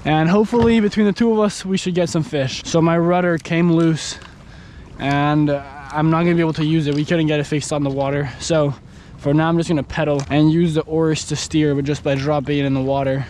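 A man's voice: a little high, brisk, a little hiss or hum. Young man explaining fishing from a kayak. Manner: relaxed, instructional, talks while handling gear. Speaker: fishing vlogger. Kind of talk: casual outdoor explanation. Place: kayak on open ocean, outdoors. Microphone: action camera on a mount.

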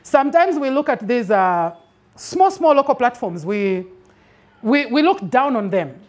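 A woman's voice: on the high side, big pitch swings, unhurried. Zambian woman teaching with emphatic "okay?" checks. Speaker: film industry master class speaker. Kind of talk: instructive talk to an audience. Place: bright indoor studio with banner backdrop.

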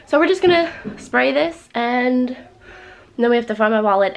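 A sixteen-year-old girl chatting excitedly to her viewers while she gets ready at home for a vlog. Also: a little high, creaky. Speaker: vlogger. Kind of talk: get-ready-with-me vlog chat.

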